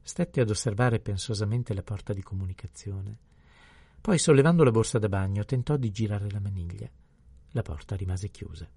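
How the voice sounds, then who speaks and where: Gravelly, dark-voiced man narrating. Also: lowish voice, moderate pace, no room sound. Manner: calm, even storytelling. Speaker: audiobook narrator. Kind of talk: scripted narration.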